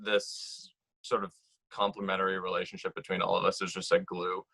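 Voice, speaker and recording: A man's voice: low voice, monotone, a little fast, creaky, pushed and bright, dry recording. A man in his twenties from Texas, speaking earnestly about his team and often repeating words. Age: 20s. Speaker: team member. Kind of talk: casual team introduction.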